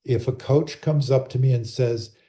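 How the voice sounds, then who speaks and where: Calm, very dark-voiced male umpire explaining. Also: mid-range voice, normal speed. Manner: calm, explanatory, acts out sample dialogue. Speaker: umpire and rules clinic presenter. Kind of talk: instructional talk on a video call. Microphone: computer or laptop mic on a video call.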